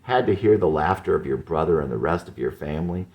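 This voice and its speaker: A man's voice: a bass voice, expressive, quick pace, lo-fi sound. A man reading a pleading, lovesick young man. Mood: bitter. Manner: pleading, anxious questions.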